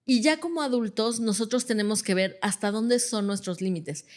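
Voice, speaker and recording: A woman psychologist explains things in a conversational way. Her voice sits a little high. She checks in often with short questions and acts out the parents she quotes. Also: normal speed, darkish tone. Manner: explains with everyday examples, often checks with "¿no?" and "ajá". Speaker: clinical psychologist guest.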